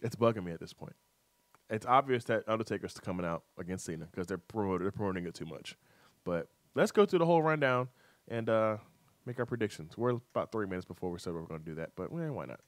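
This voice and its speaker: A lower-voiced man runs a sports talk radio show, reading scores and game schedules. He fills gaps with "uh" and keeps the banter light. The sound is dry and close on a studio mic. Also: lively intonation, fast, no room sound. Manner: chatty, reads scores with fillers, teasing co-host.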